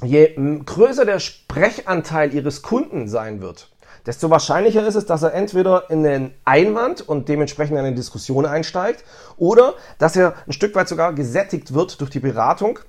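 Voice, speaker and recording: A man's voice: fairly high pitch, big pitch swings, moderate pace, a little mellow. A man giving a telephone sales training talk, explaining step by step and acting out sample greetings with emphasis.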